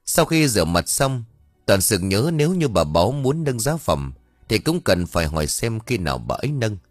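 A man, reading a ghost story in an expressive, dramatic way. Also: on the low side, moderate pace, no room sound, faint music behind. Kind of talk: scripted narration of a ghost story.

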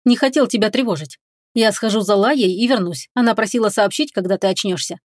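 Woman narrator voicing a soft-spoken reassuring young man. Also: medium pitch, fairly quick, dry recording, clean studio sound, lightly acted. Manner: quiet, soothing.

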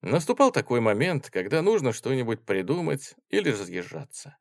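A male narrator reading a classic novel aloud. His pitch moves lively through each sentence, and the sound is dry and close. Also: normal speed, vocal fry, no room sound. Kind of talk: audiobook narration.

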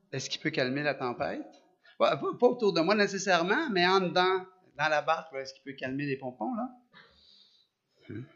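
Quebec French male preacher, bright forceful voice, animated with rhetorical questions, dull lo-fi sound. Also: a little high. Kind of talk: sermon. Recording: dull lo-fi recording.

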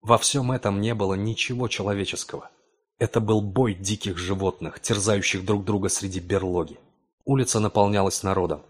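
A man reading a horror tale in a measured, dramatic storytelling voice. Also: on the low side, steady tone. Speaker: audiobook narrator. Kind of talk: scripted dramatic narration.

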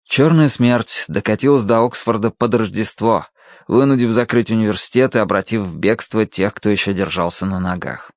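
A man narrating an audiobook in a measured, expressive reading. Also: on the low side, dry recording, studio quality.

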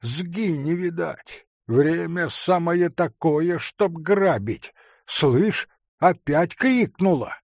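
A bold, impatient young hunter , as a man reading a story puts him on, who urges and orders in a raised, ringing voice. The voice is slightly husky and very lively in pitch, and the recording is dry and close. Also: extremely slow, dry recording, heavily acted. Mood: alarmed. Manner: urgent, commanding, shouting.

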